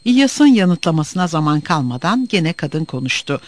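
A man narrating a story with an expressive, dramatic reading. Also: fairly high pitch, normal speed.

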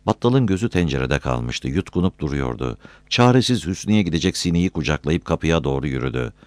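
Deep-voiced male storyteller. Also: animated, fairly quick, a little mellow, no room sound, studio quality. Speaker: audiobook narrator. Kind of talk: scripted narration.

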